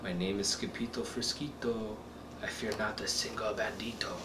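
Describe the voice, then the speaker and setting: A man voicing an excitable, mock-brave little cat hero in a storybook read to a toddler. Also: fairly high pitch, normal speed, far from the mic, lightly acted. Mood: quietly brave. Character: excitable small male cat playing sword-fighting dog hero. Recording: echoey room, faint noise.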